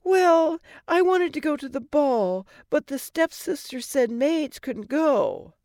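A woman's voice: lively intonation, slow, a little mellow, no room sound, full character voice. A woman voicing Cinderella, a naive and eager young woman who sounds sweetly dim. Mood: flustered. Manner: high, wide-eyed and sweetly dim.

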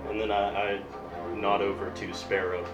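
A man's voice: fairly low pitch, monotone, normal speed. A man improvising role-play and describing his actions as a player in a tabletop game. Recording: echoey, distant mic, loud music behind.

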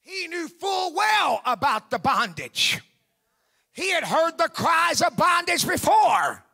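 A man preaching a revival sermon as an evangelist, shouting his lines hard and fast. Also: sing-song. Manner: preaching in a high, bright, gravelly shout.

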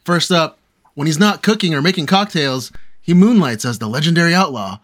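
A man's voice: a little high, animated, a little fast, a bit bright. A man hosting a podcast, opening the episode and teasing his co-hosts in upbeat, playful chat. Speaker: podcast host.

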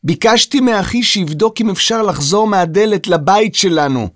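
A man voicing an eager, excited young girl who loves music, in a children's audio story. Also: a little high, breathy edge, dry recording, studio quality, pitched above the performer's own voice.

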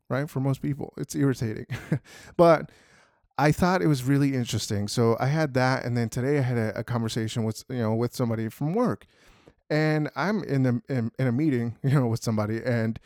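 A man's voice: mid-range voice, fairly quick, creaky, a little mellow, dry recording. Rambling man with a dry close mic. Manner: rambling, full of "you know" and "right?". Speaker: podcast host. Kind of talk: casual solo monologue.

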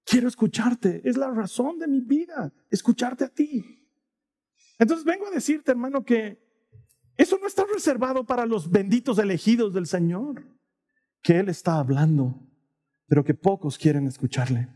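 A man preaching a sermon, telling stories and acting out the dialogue in an animated way. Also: extremely high pitch, normal speed, slightly rough. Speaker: pastor. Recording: long hall reverb.

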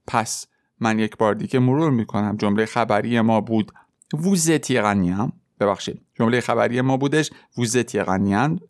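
A man teaching a French lesson, explaining step by step and repeating French example sentences slowly. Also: lowish voice, dry recording, clean studio sound. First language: Persian. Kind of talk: podcast language lesson.

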